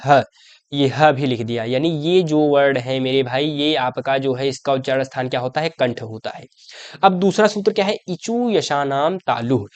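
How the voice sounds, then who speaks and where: A young man with a slightly high, smooth voice, recorded dry, teaches an exam-prep grammar lesson. He goes step by step, poses questions and answers them himself, and keeps addressing the viewer as his brother.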